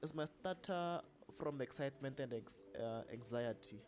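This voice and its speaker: A streamer chatting casually while gaming, relaxed, with a slight stutter. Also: mid-range voice, moderate pace. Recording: loud music playing behind. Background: music.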